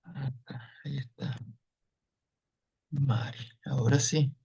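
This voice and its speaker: A man's voice: medium pitch, fairly even intonation, slow pace, vocal fry, mellow, slightly rough, highs cut off. A man teaching a Hebrew class online, explaining patiently and checking in with listeners as he goes.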